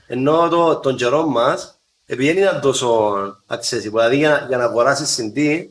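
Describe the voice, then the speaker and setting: A man with a Greek Cypriot accent, a musician being interviewed, talking casually and haltingly with English words mixed into his dialect. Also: mid-range voice. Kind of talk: casual chat.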